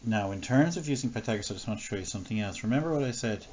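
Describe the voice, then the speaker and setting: Man, maths teacher, fairly low voice, thinking aloud, self-correcting, dull lo-fi recording. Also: animated, rapid-fire, darkish tone. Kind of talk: recorded classroom lesson, working examples on screen. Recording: dull lo-fi screen recording with faint noise.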